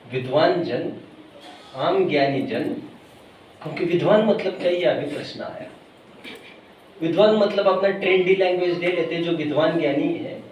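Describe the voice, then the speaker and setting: A man giving a scripture discourse to an audience, explaining slowly, asking for doubts and mixing in English words. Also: fairly high pitch, slight background noise. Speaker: preacher. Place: large hall at a pilgrimage site. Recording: echoey hall, voice from far off.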